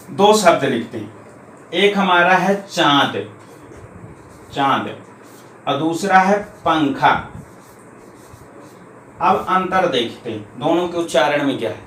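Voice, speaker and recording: This grammar lesson is led by a man whose voice sits slightly high, and he takes each point patiently, saying key terms again slowly. The room is echoey, with a faint hum behind him.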